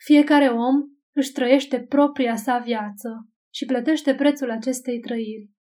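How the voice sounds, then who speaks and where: Mellow-voiced woman narrating a novel. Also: high-pitched, steady tone. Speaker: audiobook narrator. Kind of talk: scripted literary narration.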